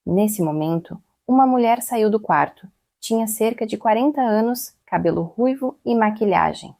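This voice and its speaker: A woman narrating a dramatic family story in the first person, in a steady, measured way. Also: mid-range voice, creaky, no echo.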